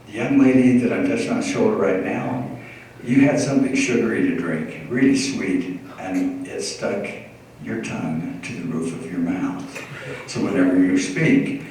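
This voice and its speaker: A man's voice: lowish voice, darkish tone. Guy doing stage hypnotist patter, teasing the crowd, super echoey and far off mic, noisy. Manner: teasing, joking with volunteers and audience.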